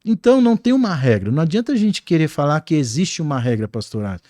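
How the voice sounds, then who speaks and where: A man with a Brazilian accent, a guest pastor talking in an animated, preaching-like way on a podcast. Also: on the high side, quick pace, dry recording, clean studio sound. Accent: Brazilian Portuguese. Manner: animated, acts out quoted voices.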